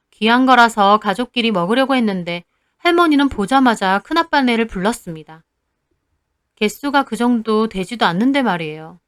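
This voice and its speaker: A woman reading a first-person family story aloud as scripted narration, telling it in an animated way. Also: fairly high pitch, clear, resonant tone, dry recording, clean studio sound.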